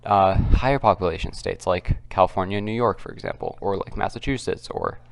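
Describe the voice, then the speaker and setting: A man speaks in a quiet, low voice with a gravelly creak. He delivers casual, off-the-cuff commentary as a video host, often halting and circling back to repeat himself. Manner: kept quiet, subdued because others are nearby. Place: at home, others nearby.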